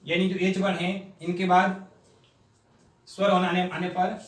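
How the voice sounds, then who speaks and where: Slow, deliberate male teacher in an echoey room. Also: sits high, little pitch movement, far from the mic. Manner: slow, step-by-step explaining, repeating syllables aloud. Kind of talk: whiteboard grammar lesson.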